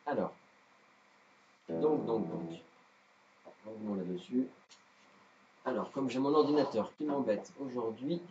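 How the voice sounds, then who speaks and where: A man's voice: mid-range voice, mellow, muffled recording, a little hiss or hum. A man with a non-native French accent teaching a live guitar lesson, hesitant and self-deprecating with many fillers. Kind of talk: live-streamed music lesson.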